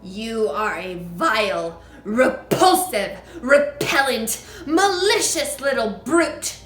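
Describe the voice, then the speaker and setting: A woman playing a booming, furious giant headmistress. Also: lively intonation, slow pace, sharp tone, faint music behind, full character voice. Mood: shouting. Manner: booming, barking, ranting. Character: huge, furious, child-hating headmistress. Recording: echoey room.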